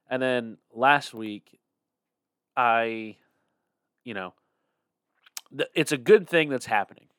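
In a clean studio recording with no room sound, a young man with a lowish, slightly bright, clear and resonant voice co-hosts a laid-back podcast. Tired from a lingering cold, he yawns, wanders off topic and laughs frequently.

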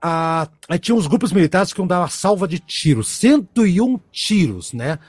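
A man's voice: sits high, animated, moderate pace, darkish tone, no echo, studio quality. A man co-hosting a casual podcast chat, telling a story in a rambling way with many fillers. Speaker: podcast host.

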